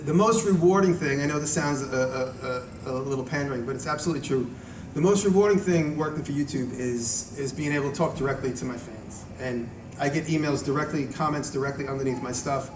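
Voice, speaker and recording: An echoey, distant man with a mid-range voice gives an informal talk at a live event, taking audience questions as a video maker. He rambles conversationally and keeps cutting himself off, with noise in the background.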